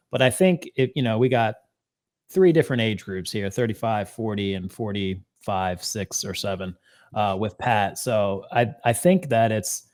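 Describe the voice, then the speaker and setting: A man in his mid-thirties with a somewhat low voice, joining a casual podcast conversation. He speaks in a measured, explanatory way, working his point out step by step. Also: a little mellow. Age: 30s. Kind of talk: casual chat.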